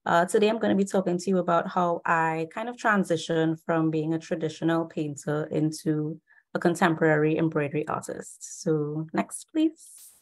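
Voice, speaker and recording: A woman's voice: sits low, fairly even intonation, moderate pace. Young woman presenting online. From Trinidad and Tobago. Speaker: artist presenter. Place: indoors, video call. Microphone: video call.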